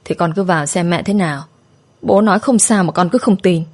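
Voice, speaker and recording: A woman voicing a worried middle-aged father who gently reassures his daughter, in an audio story. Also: on the low side, a little fast, lightly acted. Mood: reassuring.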